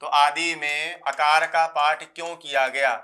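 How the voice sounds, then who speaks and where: Male Sanskrit teacher for an exam-prep lecture: bright, somewhat high voice, slow repetitions and questions to the class. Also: flat delivery. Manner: repeats key phrases slowly, asks students rhetorical questions; recites Sanskrit rules in a measured chant.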